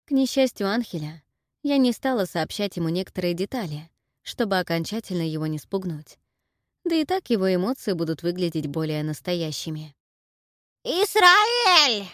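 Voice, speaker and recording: A woman narrating an audiobook in the first person, with an expressive reading. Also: fairly low pitch, a little fast, dry recording, clean studio sound.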